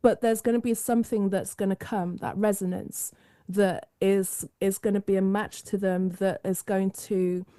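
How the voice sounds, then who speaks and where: A woman's voice: medium pitch, little pitch movement, normal speed, mellow, no echo, studio quality. A woman hosting a podcast interview, thinking aloud with loose, searching phrasing. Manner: musing, many fillers and restarts. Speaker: podcast host.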